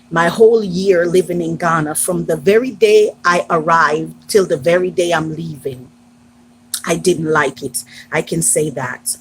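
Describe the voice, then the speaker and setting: A woman's voice: lowish voice, breathy edge, rough recording. An American woman vlogger frankly recounting her own experiences on a live stream, emphatic and repetitive, now and then slipping into the voices of people she quotes. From United States. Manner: frank, emphatic, repeats herself, slips into acted quotes. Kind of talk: candid personal storytelling on a live stream.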